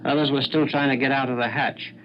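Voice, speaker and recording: British man, wartime airman, grave 1940s radio account, measured delivery, noisy dull archive recording. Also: medium pitch, little pitch movement. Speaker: air force pilot recounting combat.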